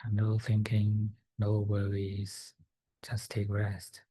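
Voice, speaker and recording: A man softly guiding a breathing meditation, slow and soft-spoken with long pauses and fillers. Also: fairly low pitch, completely flat delivery, husky, no echo, rough recording. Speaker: meditation guide.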